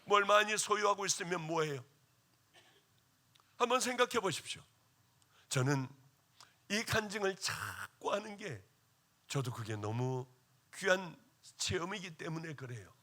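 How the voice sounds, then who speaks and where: A male pastor preaching at a revival meeting, his fairly high, bright voice leaping up and down in pitch. He tells a personal testimony, one moment exclaiming loudly and the next dropping to a hush. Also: big pitch swings, measured pace, pauses often. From Korea. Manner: emotional storytelling testimony, swinging between loud exclaiming and hushed tones.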